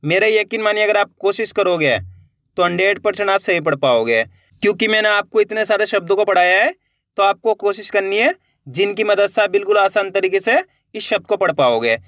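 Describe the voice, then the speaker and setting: A man's voice: high voice, a little fast, a bit bright, no room sound, studio quality. A man teaching a reading lesson, spelling each word out syllable by syllable and then joining the sounds into the whole word. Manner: spells words out one syllable at a time, then blends them.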